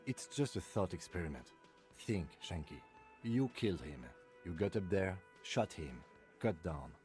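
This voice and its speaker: A low, mellow, gruff voice plays a detective in a video game, as a man puts him on. He probes a suspect with a faint drunken slur. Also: expressive, unhurried, faint music behind. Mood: probing. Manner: slightly drunken, probing. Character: gruff, hungover male detective, pressing and sly.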